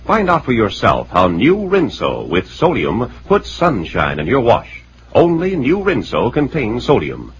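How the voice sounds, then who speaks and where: Animated old radio adman, American. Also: measured pace. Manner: emphatic, sing-out sales pitch. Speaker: commercial announcer. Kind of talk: old-time radio advertisement. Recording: dull, noisy vintage radio recording.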